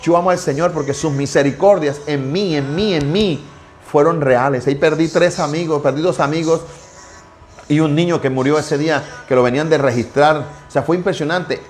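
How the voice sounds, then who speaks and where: A man's voice: on the high side, normal speed. A man, a pastor preaching a devotional sermon and telling a personal testimony with emphatic repetition. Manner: emphatic storytelling with heavy repetition.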